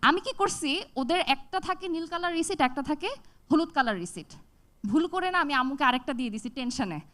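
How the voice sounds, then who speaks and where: A young woman from Bangladesh giving a talk on stage, telling a personal story with lively acted-out dialogue. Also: sits high, a little fast. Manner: animated, acts out dialogue with shifts in voice. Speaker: TEDx speaker.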